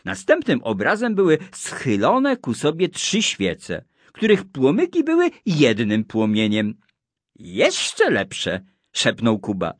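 A man telling a religious story for children in an expressive storytelling manner. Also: medium pitch, a little slow, few pauses, no echo, clean studio sound.

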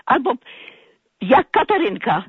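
An older woman phones in to a radio show, her husky voice rising and falling in lively sweeps as she rambles through an indignant complaint. The call sounds muffled and dry, as if carried over a phone line. She comes across as animated and aggrieved. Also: a little high, takes it slowly, no echo. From Poland. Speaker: caller.

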